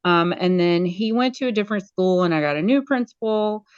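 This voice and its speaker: A woman, a school media specialist, talking casually as an interview guest in an animated way. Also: mid-range voice, fairly quick, smooth, no room sound, dull audio. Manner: animated, acts out quoted voices.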